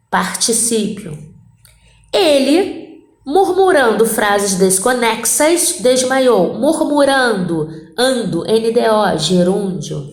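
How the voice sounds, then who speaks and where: A woman's voice: on the high side, roomy sound. A woman teacher goes through a grammar exercise, spelling out word endings and checking in with her students. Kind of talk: correcting a Portuguese grammar exercise.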